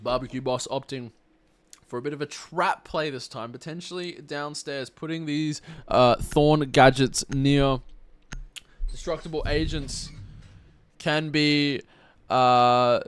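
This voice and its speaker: A man doing esports play-by-play commentary on a shooter match, in a caster's manner that moves between tense build-up and excited calls. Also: mid-range voice, slow, clean tone.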